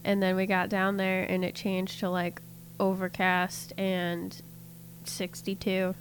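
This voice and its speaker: A woman's voice: medium pitch, monotone, slow pace, a little hiss or hum. A woman hosting a casual talk show, chatting and laughing easily while telling anecdotes. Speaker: host. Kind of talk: casual chat.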